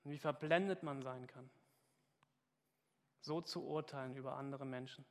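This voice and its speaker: A man's voice: medium pitch, steady tone, normal speed, long reverb tail. A man preaching a sermon and reading a parable aloud, earnest and questioning, talking straight to his congregation.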